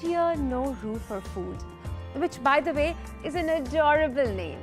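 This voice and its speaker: A woman playing a smug self-help spiritual guide, speaking slowly in a mock-soothing tone over faint music. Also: high-pitched, expressive. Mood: serene. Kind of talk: sketch comedy.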